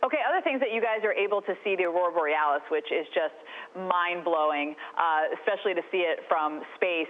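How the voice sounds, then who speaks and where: A woman's voice: on the low side, a little fast. A woman working as a TV interviewer, asking questions in a casual conversational style over a phone-like link. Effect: phone or radio link. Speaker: TV weather channel interviewer. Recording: tinny narrow phone-like line.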